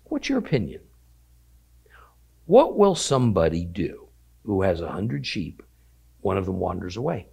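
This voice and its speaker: A man teaching a weekly Bible lesson, reading scripture aloud and slowing down to stress key phrases. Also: sits low, wildly swooping pitch, vocal fry, warm tone, slightly rough.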